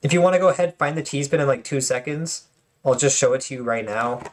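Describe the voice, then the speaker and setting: This man's medium-pitched voice moves slightly quickly as he hosts his channel and riffs on tournament footage. He jokes around, chats freely, and keeps restarting his thoughts amid plenty of fillers.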